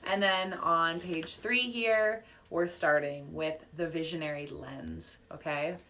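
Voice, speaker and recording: A woman with a low voice leads a live online workshop as a business coach. She talks in a chatty, upbeat way full of "um" and "like", and her voice is a little worn, as if she is losing it. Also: steady tone, takes it slowly, pushed and bright, slight background noise. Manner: chatty, upbeat, filler-heavy, reading chat comments aloud. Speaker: business coach and podcast host.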